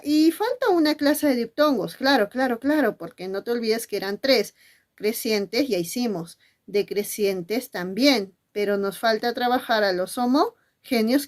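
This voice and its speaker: A woman's voice: on the high side, expressive, unhurried. A woman teacher giving a spelling lesson. She asks questions and then answers them herself, and she speaks fondly to her pupils.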